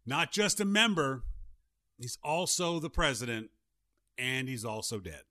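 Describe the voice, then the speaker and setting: A man co-hosting a podcast, riffing jokes in casual, animated comedic chat. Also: medium pitch, unhurried. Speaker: podcast co-host.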